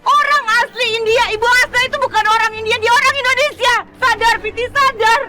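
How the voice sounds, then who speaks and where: A woman's voice: extremely high pitch, fairly even intonation, brisk, bright, forceful tone, roomy sound, faint music behind. A woman dubbing a scornful, scheming middle-aged mother in a TV drama, accusing and insistent. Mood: pleading. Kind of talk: dubbed TV drama.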